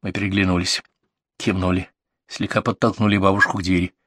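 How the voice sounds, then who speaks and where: A man reading a story aloud as first-person narration, steady and matter-of-fact. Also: low-pitched, brisk, a little hiss or hum. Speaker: audiobook reader.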